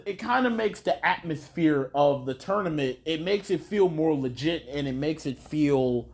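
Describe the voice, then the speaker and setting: A man's voice: on the high side, expressive, moderate pace. A man talking through his thoughts on a show in a casual, rambling way, with many fillers and restarts and some casual swearing. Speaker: show reviewer. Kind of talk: casual video review.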